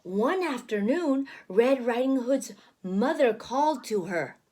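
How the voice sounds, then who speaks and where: A woman with a high voice reads a children's story and explains it as she goes. Her delivery is slow and very animated, full of gasps and simple questions, like a teacher guiding a small child. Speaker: teacher reading a picture book aloud to a child.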